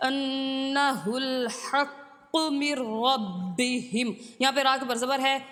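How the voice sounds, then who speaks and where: A female Quran teacher gives a tajweed lesson in a large hall, reciting Arabic verses in a slow, drawn-out way before explaining the rules in brisk, steady speech. Her pitch is fairly high.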